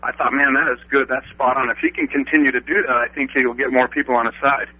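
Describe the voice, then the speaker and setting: A man calling into a radio talk show, rushed and eager. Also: medium pitch, steady tone, breathy edge. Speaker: caller. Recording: muffled phone call over radio.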